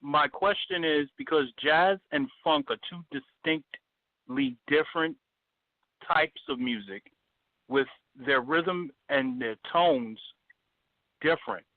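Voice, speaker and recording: A man calling in to a talk show over a phone line, asking a question in halting bits and often starting over. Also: a little high, no echo. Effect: heard over a phone line. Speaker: caller.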